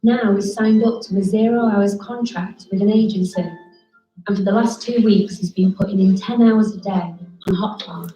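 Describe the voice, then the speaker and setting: A woman reads documentary narration in a calm, factual way. Her voice is mellow and dark, with a roomy echo around it. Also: mid-range voice, normal speed, soft background music. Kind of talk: scripted narration.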